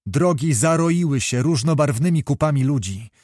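A man's voice: on the high side, no room sound. Man narrating an audiobook, dry close sound. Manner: steady, measured storytelling. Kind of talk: scripted narration of a classic novel.

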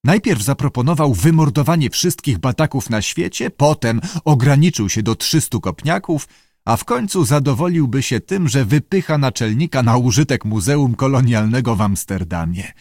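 A man reading an audiobook in measured, even storytelling narration. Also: medium pitch, no echo, studio quality.

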